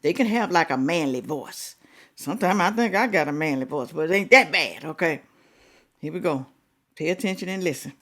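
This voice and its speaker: Her low-pitched voice carries a casual yet scolding reaction video, where she gets animated and draws out her exclamations.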